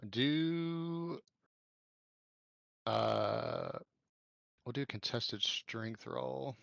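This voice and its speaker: A man narrating as game master in an online tabletop game, casual and loose, with fillers and quick self-corrections. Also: mid-range voice, gravelly, fairly bright tone, no room sound, dull audio.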